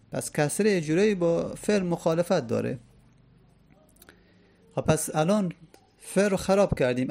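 Male teacher with a gravelly, mellow voice, who chants drills and then explains. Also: on the high side. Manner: recites Arabic conjugations in chanting drills, then explains casually. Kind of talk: Arabic grammar lesson.

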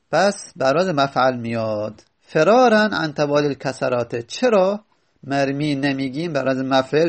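Gravelly-voiced man explaining grammar. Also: mid-range voice. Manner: reads a text line, then explains it; asks and answers his own questions. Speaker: teacher. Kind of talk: teaching Arabic grammar from a classical text.

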